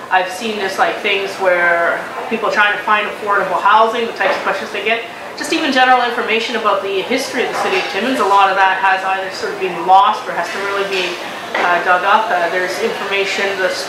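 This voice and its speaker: A woman in her thirties with a Canadian accent, a council candidate talking through her background and platform in a measured, explanatory way, often pausing to search for words. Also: medium pitch, echoey room, recorded from a distance, background noise. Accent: Canadian English. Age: 30s. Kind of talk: campaign interview statement.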